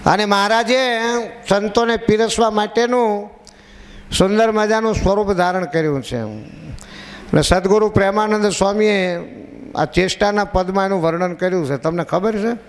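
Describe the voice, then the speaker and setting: A man's voice: high-pitched, normal speed. A man, a monk, giving a devotional sermon to a gathering, telling stories with little acted dialogues and chatting and joking with the audience. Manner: chatty, questions and teases the audience; acts out short dialogues in stories. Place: religious gathering in a park. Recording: reverberant public address with faint background noise.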